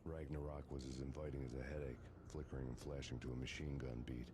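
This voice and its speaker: An actor playing a world-weary, bitter cop on the run in a noir game, in a deadpan, sardonic, gruff manner. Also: male voice, rumbling low, quick pace. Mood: brooding, deadpan. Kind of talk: hard-boiled noir narration.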